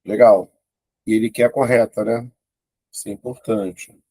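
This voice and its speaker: This male Portuguese teacher has a lowish, dark voice with a steady tone and moderate pace, and there's no room sound. Running an exam-prep grammar lesson, he speaks casually, reasons out loud through each question, and lets out exclamations when an item gets tricky.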